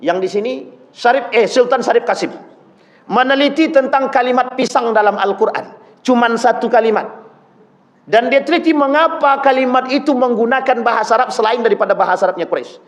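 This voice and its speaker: A man delivering a sermon, with a high voice. He speaks straight to the congregation and slips into the voices of the people in his stories. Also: a little fast. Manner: addresses the congregation directly, acts out quoted voices. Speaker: preacher.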